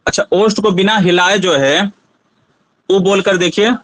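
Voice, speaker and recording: A man's voice: sits high, steady tone, measured pace, fairly bright tone, no room sound, poor audio. A man teaching a Sanskrit pronunciation lesson, patiently asking students to try each sound aloud.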